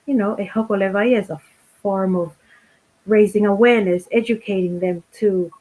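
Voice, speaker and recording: A woman's voice: mid-range voice, fairly even intonation, normal speed, mellow, low-quality recording. A woman with a Tongan accent, giving an encouraging address as a guest speaker. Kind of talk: encouraging address mixing two languages.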